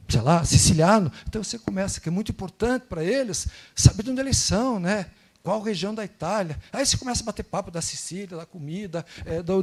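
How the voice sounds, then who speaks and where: A man speaking informally as a guest missionary at a church service, telling animated stories and tagging phrases with "né?", on a handheld mic in a church. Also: high voice. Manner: animated storytelling, acts out dialogues, frequent tag "né?". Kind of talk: informal church talk with anecdotes. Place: church sanctuary.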